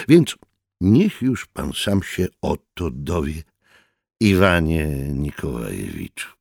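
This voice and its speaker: A man with a low, raspy voice reading a story aloud and voicing a sly, amused foreign professor who speaks slowly and courteously. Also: darkish tone, no echo, studio quality, full character voice. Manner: amused, unhurried, insinuating.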